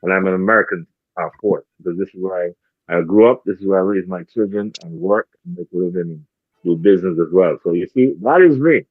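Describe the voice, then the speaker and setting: A man with a very deep voice hosts a community radio show, pressing his points with "not true?" questions. His voice comes through a dry, narrow, phone-like line. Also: fast, no room sound. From Jamaica. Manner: warm, rhetorical, repeats tag questions. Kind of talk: casual radio talk.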